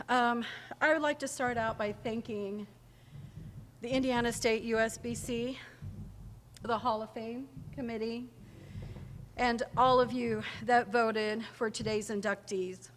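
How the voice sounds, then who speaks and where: Speaking at a podium mic in a large banquet hall, a woman being inducted into a hall of fame is tearful and emotional yet jokes with the crowd. Her fairly high voice stays fairly even, moving slowly with long pauses. The recording has hall reverb, faint ambience and slight background noise.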